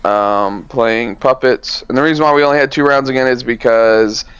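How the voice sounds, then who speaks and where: A man chatting casually on a gaming podcast, rambling through his matches with plenty of "um" and "like." His voice is smooth and clear, close and dry with no room sound, though the recording is a bit dull and lo-fi. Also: mid-range voice, moderate pace, no echo. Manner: relaxed, rambling, many fillers and self-corrections. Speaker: podcast co-host. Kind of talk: casual chat recapping card tournaments.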